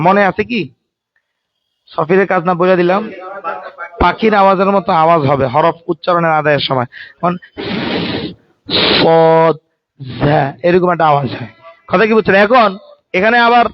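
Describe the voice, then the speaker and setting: A man's voice: sits high, no echo. A man teaching a Quran recitation lesson, calling on students to answer aloud and adding colloquial joking asides. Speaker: religious teacher. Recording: dry, dull lo-fi sound.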